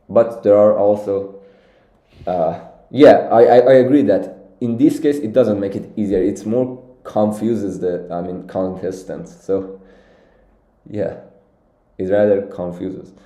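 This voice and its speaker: A young competitive programming streamer, originally from Iran, goes through contest solutions live, thinking aloud with lots of fillers and restarts. His lowish voice is dark-toned and unhurried, and the sound is reverberant.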